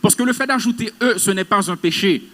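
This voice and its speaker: A man's voice: high-pitched, brisk, a bit bright. A man teaches public speaking to a live class, stressing his points and checking that the audience follows. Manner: emphatic, questions the audience. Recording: long hall reverb.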